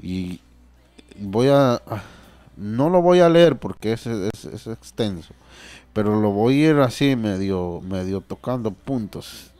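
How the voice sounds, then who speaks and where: A man's voice: fairly low pitch, lively intonation, slow, dark tone, dry recording. A man preaching a sermon and reading scripture aloud, earnest and repeating phrases for emphasis.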